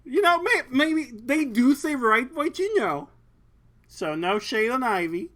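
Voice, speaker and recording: Reading narration from a visual novel on stream, this Twitch streamer keeps stopping to laugh, curse and crack crude jokes. Her or his voice is high and fairly bright, with big pitch swings and a measured pace.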